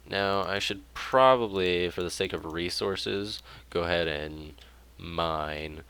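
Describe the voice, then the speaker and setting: A young man rambling through casual let's play commentary, chatty and excitable. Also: rumbling low, clean tone. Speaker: gaming YouTuber.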